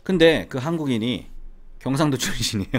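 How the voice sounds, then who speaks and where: A man's voice: medium pitch, lively intonation, brisk. A middle-aged man from the Gyeongsang region with a faint Gyeongsang accent, an English academy owner and teacher talking casually to the camera and often asking the viewer rhetorical questions. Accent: faint Gyeongsang Korean. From Gyeongsang region, South Korea. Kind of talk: casual educational monologue to camera.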